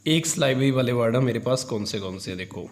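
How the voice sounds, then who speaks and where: A man teaching an English grammar lesson in Hindi, explaining step by step, asking and answering his own questions, and drawing out English terms slowly as he dictates. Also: mid-range voice, animated, a little hiss or hum.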